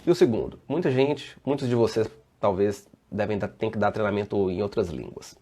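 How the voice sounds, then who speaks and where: A man's voice: fairly low pitch, fairly quick, warm tone. A Brazilian man, a safety engineer and trainer, giving a casual live online presentation and answering viewer comments as he goes. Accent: Brazilian Portuguese.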